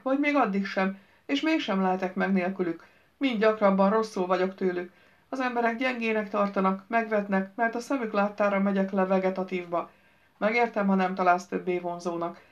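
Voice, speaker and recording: A young male actor sinks into gloomy self-pity and dramatizes his own failings in a storybook reading, as a woman puts him on. The voice sits at a middle pitch. The recording sounds slightly dull and lo-fi. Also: close to an everyday voice.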